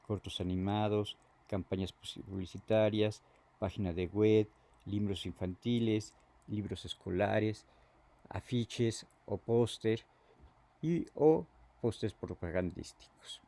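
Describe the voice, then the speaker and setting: A man giving a lecture as a teacher, halting and repeating words, often filling pauses with "este". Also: lowish voice, warm tone.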